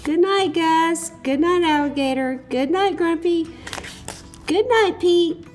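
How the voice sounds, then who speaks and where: A woman voicing an easygoing, patient, sleepy male storybook cat with expressive, drawn-out delivery. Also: very high-pitched, faint music behind, pitched above the performer's own voice. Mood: weary, patient.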